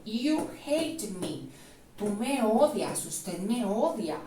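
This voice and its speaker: Slow, patient female English teacher. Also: medium pitch, a little hiss or hum. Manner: patient, explains step by step with frequent "eh" pauses. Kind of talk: slow spoken lesson. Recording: echoey room, mic at a distance.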